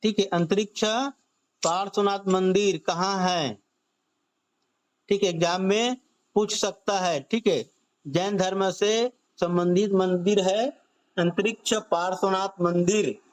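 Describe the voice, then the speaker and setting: A man runs an online coaching class, his voice sitting high and his pace unhurried. He keeps asking questions, answers them himself, and draws out the key phrases so students will remember them. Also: steady tone. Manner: drills students with repeated questions and "theek hai"; slow, stretched key phrases. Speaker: exam-prep teacher. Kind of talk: online current-affairs class.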